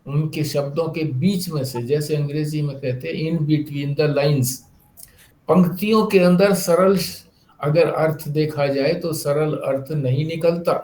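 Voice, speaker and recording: A man's voice: on the high side, fairly even intonation, a little mellow, roomy sound. A man teaching a spiritual discourse, explaining step by step with rhetorical questions. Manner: explanatory, rhetorical questions, slow deliberate phrasing.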